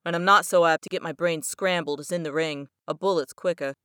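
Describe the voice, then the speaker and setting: Casting: woman voicing a callous tough-guy male detective, lowish and dry, blunt slang. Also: fairly even intonation, a little fast, a bit bright, smooth, no echo.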